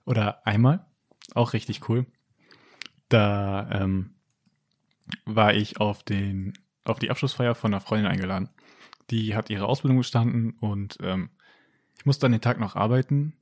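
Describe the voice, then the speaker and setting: A young man chatting casually as podcast co-host, acting out quotes with big pitch jumps. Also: fairly even intonation, normal speed, long pauses, a little mellow, no echo, clean studio sound. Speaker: podcast co-host telling a story. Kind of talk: casual chat.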